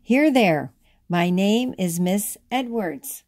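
A woman reading aloud and voicing a friendly, patient female schoolteacher in a kindly, unhurried way. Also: mid-range voice, expressive, darkish tone. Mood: welcoming.

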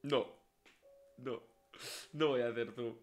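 A man's voice: medium pitch, fairly even intonation, takes it slowly, soft background music. A man with a Spain Spanish accent streaming a horror game live, jumpy and swearing, talking to himself and dropping to whispers.

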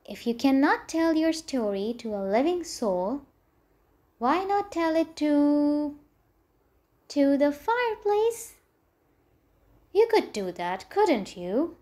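A woman reading aloud as a kindly, thoughtful old king in a fairy tale, speaking in a gentle, measured way. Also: sits high, very animated, full character voice.

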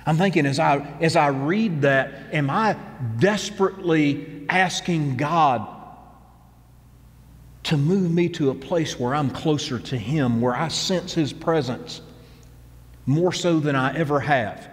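A pastor in his fifties speaks slowly from a church stage, his voice on the high side and followed by a long reverb tail. The sermon is earnest and conversational, full of repeated phrases.

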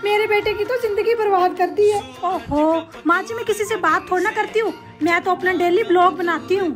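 A woman with a very high voice plays both sides of a domestic quarrel, a scolding mother-in-law and a pleading daughter-in-law. Music plays clearly underneath the whole skit. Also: fairly even intonation, fairly quick. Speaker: skit performer. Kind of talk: homemade family skit acting all roles.

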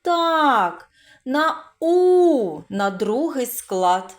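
Slow, lively-voiced preschool teacher woman. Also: high voice. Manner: warm encouraging praise, stretched syllables. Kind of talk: slow, expressive children's literacy lesson.

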